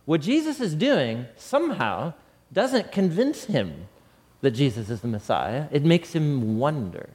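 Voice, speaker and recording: A man teaches scripture in a relaxed, conversational way, his fairly high voice swinging up and down with energy. He keeps turning to his listeners with questions. The recording carries a long, lingering reverb. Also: measured pace. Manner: animated, talks to the audience with rhetorical questions. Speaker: Bible teacher.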